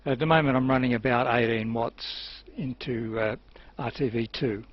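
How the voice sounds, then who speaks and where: An Australian amateur television operator and presenter gives an unscripted technical demonstration, explaining things hesitantly and matter-of-factly. His mid-range voice stays steady at a normal speed. The lo-fi recording sounds dull, with clear hiss.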